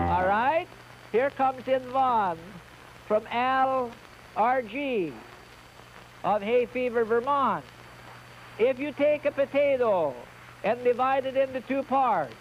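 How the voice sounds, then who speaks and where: A man playing a bumbling, boastful Swedish answer man with a mock Swedish accent and broken grammar, delivering jokes slowly on an old TV show. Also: very high voice, a little hiss or hum. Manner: slow, deliberate joke delivery with broken grammar. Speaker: children's TV entertainer. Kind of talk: comic question-and-answer routine. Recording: dull old TV recording with music.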